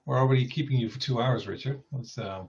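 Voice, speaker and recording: A man's voice: mid-range voice, fast, creaky, a little mellow, dull audio. A man hosting a casual live stream, friendly and laughing as he prompts the audience. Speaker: host of a rum club live stream.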